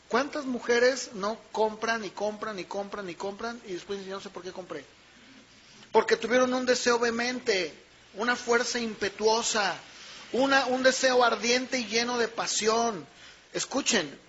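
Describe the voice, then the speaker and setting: A male pastor preaches in a high, sharply bright voice. He keeps turning to the congregation with rhetorical questions, and the recording sounds dull and lo-fi with a faint hiss underneath. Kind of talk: sermon.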